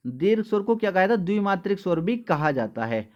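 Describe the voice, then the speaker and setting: Speaking fast in a high, sing-song voice, a male teacher leads exam preparation, asking questions and then supplying the answers himself. He calls his listeners "dear children," and the recording has its highs cut off.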